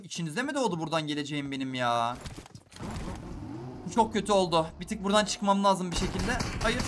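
Young male gamer, high and bright, excitable play-by-play, faint hiss behind. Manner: excitable, talks to viewers while playing, swings between hushed and loud. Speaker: gaming YouTuber. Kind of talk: live gameplay commentary.

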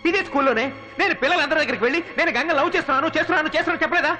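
A man's voice: very high-pitched, racing, faint music behind. An actor playing a young male hero in dubbed film dialogue, emotional and pleading, then turning mocking. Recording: film soundtrack with loud background score.

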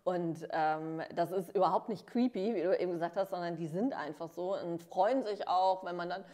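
A woman's voice: lowish voice, mellow. A woman in her thirties from Cologne, a travel expert guest chatting enthusiastically on a podcast. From Cologne, Germany. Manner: enthusiastic, affirming, quick to laugh. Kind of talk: casual interview chat. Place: studio room with dark backdrop.

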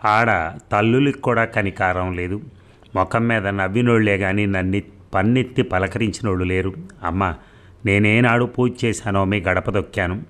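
A man's voice: on the low side, normal speed, a bit bright, lightly acted. A man voicing a poor young mother who works as a servant, telling her troubles in a pleading, tearful way.

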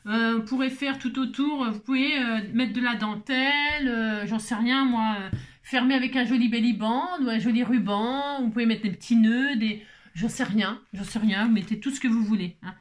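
A woman's voice: fairly high pitch, normal speed. Chatty woman crafting. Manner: talks to herself and viewers while working, playful teasing asides. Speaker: craft tutorial host.

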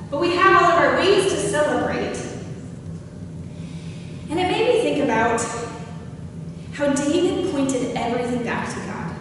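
Young woman pastor, chatty sermon, slightly high voice, picked up from afar in a reverberant hall. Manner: chatty, asks the congregation questions. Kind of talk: conversational sermon. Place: church sanctuary. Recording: echoey hall from far off, noisy.

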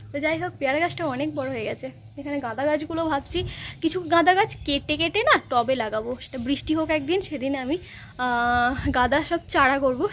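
A young woman vlogging in a casual chat, talking softly and quietly so her sleeping baby is not woken. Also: high voice, slight background noise. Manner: hushed, soft-spoken so the baby can sleep.

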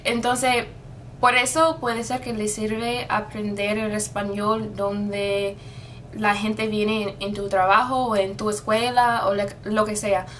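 A woman's voice: medium pitch, flat delivery, slow, fairly bright tone, recorded from a distance, a little hiss or hum. A young woman vlogging casually about learning a language, chatty and easygoing, slipping in English fillers like "so" and "like".

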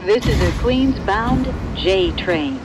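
A man's voice: sits high, expressive. A man giving recorded train announcements, built from words spliced together one by one. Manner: slow, clipped announcer delivery. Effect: spliced-together prerecorded words. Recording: noisy simulated train audio. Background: train noise.

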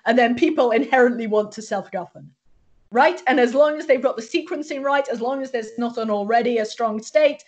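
A woman's voice: fairly high pitch, fairly quick, darkish tone. A woman hosting an academic interview, asking probing, long questions and often restarting her words. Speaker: host, interviewer.

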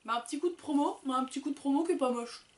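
A young woman from France chatting excitedly and casually as she unboxes and describes books and goodies. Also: high voice, rapid-fire, slight background noise. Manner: chatty, excitable, loose with swearing. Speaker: booktuber.

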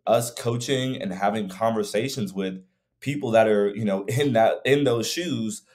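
Recorded in a room at home, this young fitness coach co-hosts a podcast via video call, his voice on the low side with a darkish tone and a moderate pace. The chat is casual, and he muses aloud in a rambling way, full of filler words.

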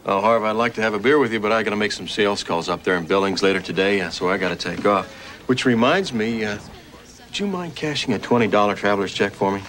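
A middle-aged actor playing an easygoing newcomer with dry humor who takes a teaching and coaching job. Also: male voice, fairly low pitch, quick pace, a bit bright, a little hiss or hum, lightly acted. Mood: laid-back. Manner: laid-back, dry humor. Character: easygoing male drifter turned teacher.

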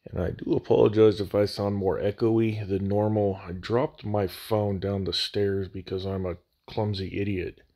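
Low-voiced man, echoey from a damaged mic. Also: normal speed, few pauses. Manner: relaxed, plain-spoken, self-deprecating. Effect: echoey sound from a damaged phone mic. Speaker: scale model builder. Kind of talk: step-by-step hobby tutorial narration.

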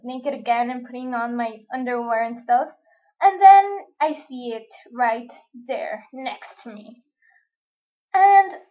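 A young woman vlogger telling a story casually and dramatically, swearing often and full of fillers, on a dull lo-fi recording. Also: high-pitched.

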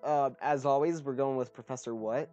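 A man's voice: medium pitch, fairly even intonation, normal speed, darkish tone, highs cut off. A man hosting a casual gameplay commentary, rambling along and chatting with frequent ums. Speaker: let's play host. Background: faint game music.

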